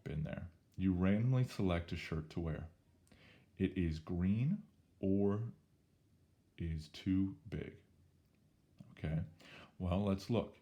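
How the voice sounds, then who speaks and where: A male statistics teacher, hoarse from losing his voice, casually talking through problems step by step in a recorded lesson. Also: deep voice, slow pace, pauses often, warm tone. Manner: casual, chatty, talks through each step. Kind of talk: recorded math lesson walkthrough.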